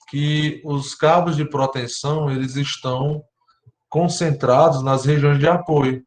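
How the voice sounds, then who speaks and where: A Brazilian man lecturing architecture students online, explaining step by step and often checking in with his class, his voice going hoarse. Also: medium pitch, reverberant. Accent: Brazilian Portuguese. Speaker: university lecturer.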